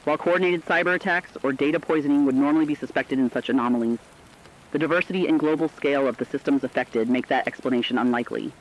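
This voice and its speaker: In a radio drama, a man with a medium-pitched, fast, fairly everyday voice plays a crisis correspondent. He delivers formal scripted analysis in a serious, alarmed mood, on a dull, lo-fi recording.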